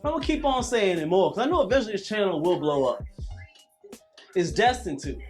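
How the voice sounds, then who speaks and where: A man in his thirties coaches a workout in a notably high voice. He repeats his cues over and over and drifts into preachy talk, while faint music plays underneath. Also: animated, brisk, a little mellow. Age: 30s. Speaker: fitness coach.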